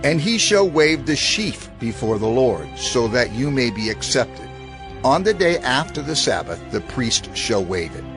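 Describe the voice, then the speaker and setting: With music clearly audible behind him, a male scripture reader delivers the text in a deliberate, declamatory way. His mid-pitched voice carries lively inflections while staying solemn from start to finish.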